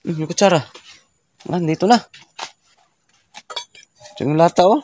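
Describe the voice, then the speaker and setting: A man's voice: a little high, normal speed, a little mellow. A man vlogging a paranormal investigation in a remote hut, reacting with startled exclamations and speaking directly to an unseen spirit. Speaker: ghost-hunting vlogger.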